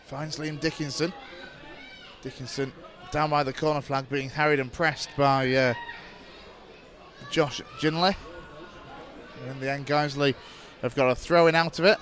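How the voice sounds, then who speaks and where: Man, football commentator, live play-by-play, fairly high voice, brisk delivery. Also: steady tone, a faint crowd, a little hiss or hum. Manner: brisk play-by-play, rising to shouts at chances.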